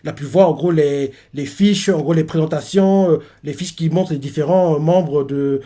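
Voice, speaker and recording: A man's voice: fairly high pitch, moderate pace, dark tone. A man hosting a live reaction, retelling a manga chapter in a rambling way full of fillers.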